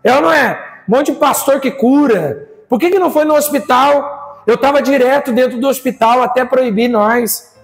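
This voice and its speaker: A man's voice: very high-pitched, moderate pace, gravelly, reverberant, long reverb tail. A man with a Brazilian accent preaching a sermon as pastor, firing rhetorical questions at the congregation. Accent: Brazilian Portuguese.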